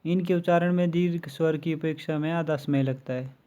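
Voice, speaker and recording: Guy teaching grammar for exams, mellow voice, pretty flat delivery, goes through letters one by one. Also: on the high side, smooth, highs cut off. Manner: slow, methodical listing with examples. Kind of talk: exam-prep grammar lesson.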